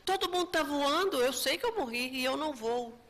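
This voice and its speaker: A woman voicing a newly dead ordinary man, protesting and exclaiming in a high, strained voice. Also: expressive, brisk, a bit bright. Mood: distressed, protesting. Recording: reverberant lecture hall.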